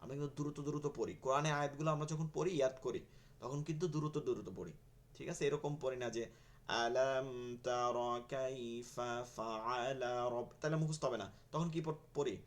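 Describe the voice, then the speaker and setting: A man's voice: a little high, fast talker. A man teaching a Quran reading class, drilling letter names over and over and asking questions he answers himself. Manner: repeats letters and drills students, asks and answers own questions. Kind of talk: online class lesson.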